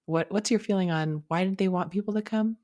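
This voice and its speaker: A woman co-hosting a genealogy podcast, explaining history in a measured, thinking-aloud way. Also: mid-range voice, a little mellow. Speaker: podcast co-host. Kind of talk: conversational podcast discussion.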